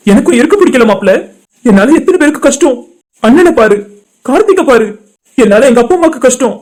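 A performer voicing a heartbroken, guilt-ridden young man in an animated cartoon drama, talking in a tearful, pleading way. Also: sits high, fairly quick. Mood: despairing.

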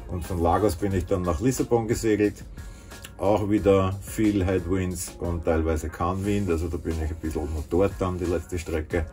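A man, vlogging casually about his sailing voyage from a small boat cabin, talking in a relaxed, chatty way with many fillers. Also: sits low, normal speed, soft background music. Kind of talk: casual spoken vlog. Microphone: camera at arm's length.

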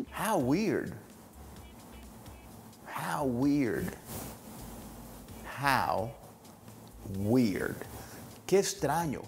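Friendly-teacher read: man, mid pitch, drills phrases slowly, soft music under. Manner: repeats phrases slowly for practice. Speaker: English teacher. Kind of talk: casual language lesson.

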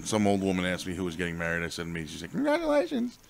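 A man's voice: low-pitched, little pitch movement, rapid-fire, vocal fry, very noisy. A young man chatting on a comedy podcast, rambling with fillers and laughing. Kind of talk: casual comedy podcast chat.

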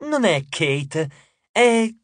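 A man's voice: high-pitched, sing-song, very slow, no echo, full character voice. A man putting on a chatty sea goddess. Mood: cheerful. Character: odd female sea goddess, chatty and mild.

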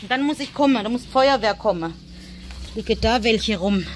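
A woman, chatting casually for a family vlog as she talks to her animals and sometimes drops into soft muttering. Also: a little high, expressive, moderate pace, noisy background. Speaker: family vlogger. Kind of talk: casual vlog chat while looking after rabbits.

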